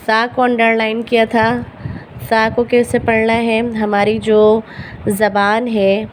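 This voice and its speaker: A woman's voice: a little high, monotone, a little hiss or hum, low-quality recording. Patient woman teaching letter sounds. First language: Urdu. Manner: patient, repeats each letter sound slowly. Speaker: Quran reading teacher. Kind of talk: beginner Arabic letter pronunciation lesson.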